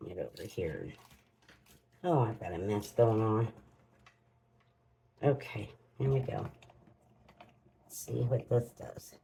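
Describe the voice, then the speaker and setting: Lady muttering thru a craft demo, slow easygoing talk, warm low tone. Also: sing-song, creaky, slight background noise, rough recording. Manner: unhurried, mutters to herself while working, homespun phrasing. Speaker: crafting channel host. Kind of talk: casual unboxing and demo vlog.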